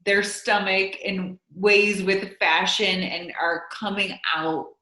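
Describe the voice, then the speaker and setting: A woman's voice: medium pitch, steady tone, takes it slowly, bright, forceful tone. A woman guest on a podcast interview, talking candidly and chattily, with lots of likes. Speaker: guest, content creator. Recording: roomy echo.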